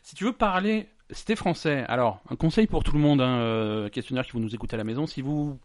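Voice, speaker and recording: A man's voice: mid-range voice, fairly quick, dry recording, clean studio sound. Joking French podcast host man. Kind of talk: casual comic chat.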